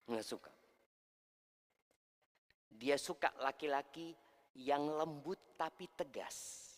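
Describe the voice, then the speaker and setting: A man preaching a sermon to a congregation, speaking lively and acting out the voices he quotes. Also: a little high, slow. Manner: lively, addresses listeners as "antum", acts out quoted voices. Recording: long hall reverb.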